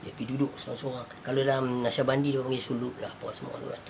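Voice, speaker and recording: A man's voice: mid-range voice, quick pace. A man with a Northern Malaysian Malay accent talks through a teaching tale in a casual chat. He voices the people in the story and laughs easily. Faint background noise sits under his voice. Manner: animated storyteller, acts out quotes, laughs often.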